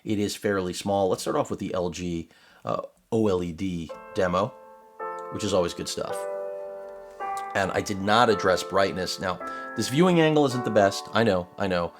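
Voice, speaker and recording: Very low-voiced man rambling through a tech demo. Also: moderate pace, over music. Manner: rambling, digressive, sarcastic asides. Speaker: tech reviewer. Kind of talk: casual unboxing commentary. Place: home studio with lights.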